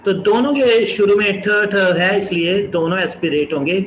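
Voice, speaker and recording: A man from Pakistan teaching a pronunciation lesson, repeating each example word slowly and distinctly. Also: high voice, echoey room, slight background noise, low-quality recording. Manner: slow, repeats example words carefully and distinctly. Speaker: English teacher.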